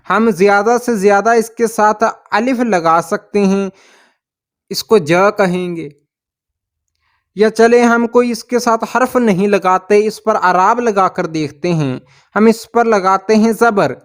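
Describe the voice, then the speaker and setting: A man teaching a language lesson, patiently explaining and drawing out sounds. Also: high-pitched. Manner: patient, drawn-out demonstration of sounds.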